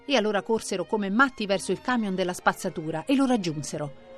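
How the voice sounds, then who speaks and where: Woman reading a kids story, expressive, mid voice, quiet music behind. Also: mid-range voice, quick pace. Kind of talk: storybook narration for children.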